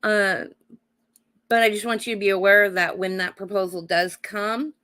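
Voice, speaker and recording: A woman with a cold, her voice going hoarse, giving live psychic card readings and calling her viewers honey and darling while checking in with "okay?". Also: medium pitch, steady tone, normal speed, pushed and bright. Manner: calls viewers honey and darling, adds "okay?" tag questions.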